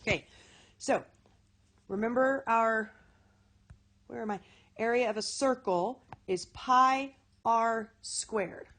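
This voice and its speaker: A woman's voice: fairly high pitch, slow pace, long pauses, a bit bright. Chatty woman teaching a math lesson. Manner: chatty, self-correcting, checks in with "okay?".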